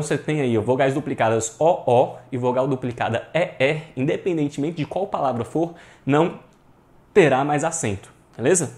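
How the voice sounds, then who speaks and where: A man with a Brazilian Portuguese accent teaches a grammar lesson online to prepare students for exams. His medium-pitched voice is a little mellow, and he often speaks directly to viewers, repeating the rules with emphasis.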